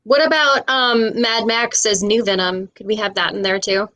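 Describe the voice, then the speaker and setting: A woman makes sarcastic jokes in a casual podcast chat. Her voice sits at a middle pitch. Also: fairly even intonation, moderate pace, bright, forceful tone. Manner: joking, sarcastic.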